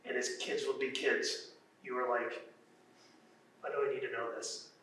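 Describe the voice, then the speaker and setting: A man's voice: mid-range voice, level tone, normal speed, fairly bright tone, recorded from a distance, a little hiss or hum. A man in his fifties or sixties muses on a discussion panel. He rambles reflectively and circles back over his own words. The room is very echoey, and he sits well away from the microphone. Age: 50s-60s. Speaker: panel participant.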